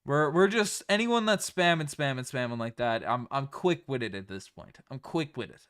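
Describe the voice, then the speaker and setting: A man's voice: mid-range voice, animated, moderate pace, fairly bright tone, clean tone. Man with a light Newfoundland accent, livestreaming. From Newfoundland, Canada. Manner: repeats phrases for emphasis. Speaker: sports livestream host. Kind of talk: casual livestream sports chat.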